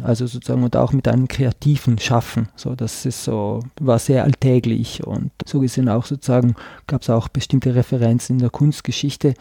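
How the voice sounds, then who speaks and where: A South Tyrolean artist from Italy, speaking German with his regional accent, reflects aloud as a guest on a podcast, hunting for words through many fillers and restarts. His mid-range voice is mellow with some vocal fry, recorded cleanly in studio quality with no room sound.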